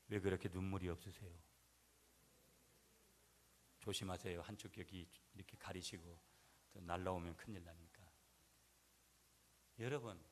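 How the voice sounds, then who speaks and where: A male pastor preaching a sermon, swinging from quiet asides to loud, rising climaxes and having the congregation repeat lines after him. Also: low-pitched. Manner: swings from soft asides to shouted peaks, has the church repeat after him.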